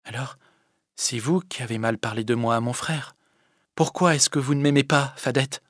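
A man reading an audiobook, voicing a sickly, clingy young village man who speaks softly and plaintively. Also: mid-range voice, moderate pace, no echo, studio quality, natural voice. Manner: plaintive, soft-spoken. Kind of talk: audiobook character voice.

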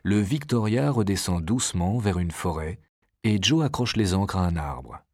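A man narrating a storybook adventure in a measured, expressive reading. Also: low voice, no echo, clean studio sound.

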